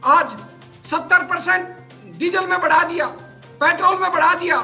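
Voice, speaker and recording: A man's voice: very high voice, fairly even intonation, moderate pace, vocal fry, sharp tone, soft background music. A man arguing as a party spokesman in a heated TV debate, rattling off figures and talking over others.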